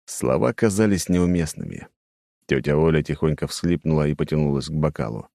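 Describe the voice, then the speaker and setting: A man narrating a first-person audiobook in a somber, measured way. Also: rumbling low, gravelly, dark tone, dry recording, studio quality.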